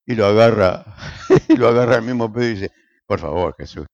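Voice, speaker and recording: An older man with a Rioplatense Spanish accent, a pastor giving an animated, joking sermon full of rhetorical questions. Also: mid-range voice, fast talker, lo-fi sound.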